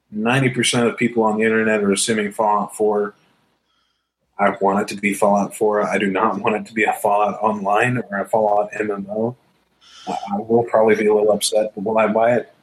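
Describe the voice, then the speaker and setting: A man co-hosting a casual podcast, talking in an excitable, rambling way and laughing often. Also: lowish voice, a little fast, low-quality recording. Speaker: podcast co-host.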